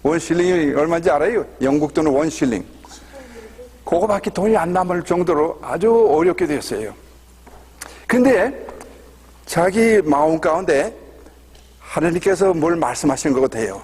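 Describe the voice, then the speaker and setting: A man guiding a church history tour, telling a story in an animated way and asking the audience questions. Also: fairly high pitch, normal speed, long pauses. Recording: long hall reverb.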